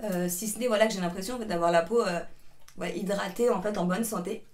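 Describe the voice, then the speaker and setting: A young woman vlogs a make-up tutorial from a spare room at her grandmother's house. She talks in a relaxed, chatty way and keeps apologizing. Her speech is full of hesitant fillers and restarts. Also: mid-range voice, fast talker. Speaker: beauty vlogger. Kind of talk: casual make-up tutorial chat.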